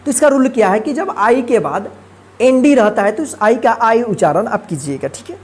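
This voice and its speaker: A woman teacher in a phonics lesson, spelling words letter by letter and then saying them whole. She repeats each rule patiently, with a slightly high voice. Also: lively intonation, normal speed, a little mellow. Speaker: English teacher.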